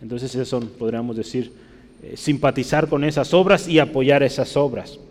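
A man's voice: mid-range voice, normal speed, darkish tone. A man preaching a sermon as a pastor, teaching and checking often whether his listeners follow. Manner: teaching, asks the congregation frequent checking questions. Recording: long hall reverb.

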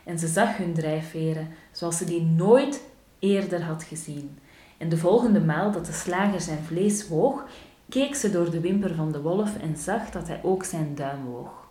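A woman hosting a short daily podcast, gently reading a story aloud in a calm, unhurried way. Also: deep voice. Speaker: podcast host. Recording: roomy echo.

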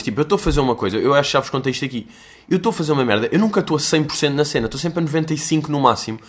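Rambling Portuguese man hosting a podcast. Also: a little high. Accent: European Portuguese. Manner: rambling, self-mocking, swears freely. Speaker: podcast host. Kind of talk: casual solo podcast monologue.

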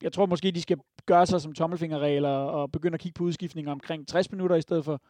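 A man's voice: fairly high pitch, fairly even intonation, dark tone, no echo. A Danish man giving strong opinions on football in a casual podcast chat, with many fillers. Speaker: podcast panelist.

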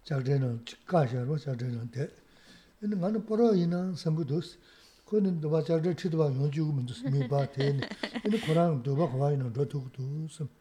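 Man with a very dark voice. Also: fairly high pitch, normal speed.

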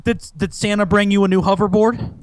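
A man's voice: high voice, fairly even intonation, brisk, a little hiss or hum. A young man co-hosting a casual podcast, teasing his co-host with mock-dramatic complaints.

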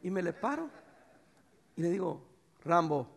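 A middle-aged man preaching a sermon as pastor, swinging between loud bursts and soft, tender passages. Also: high voice, moderate pace, vocal fry. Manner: animated preacher, swings from shouts to soft tones.

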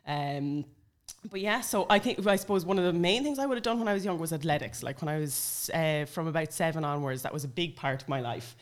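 A woman's voice: deep voice, brisk. A woman around forty from Sligo with a West of Ireland accent, chatting informally as a podcast guest. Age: late 30s to around 40. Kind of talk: casual conversational interview, reminiscing.

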